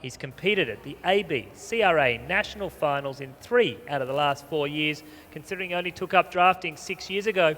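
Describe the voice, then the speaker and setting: A man gives informative live sport announcements over an arena PA. His voice is a touch high, with long reverb and some noise behind it. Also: fairly quick, hardly any pauses, fairly bright tone. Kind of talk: informative live sport commentary, reading competitor profiles. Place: large show arena over loudspeakers. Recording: reverberant stadium PA with background noise.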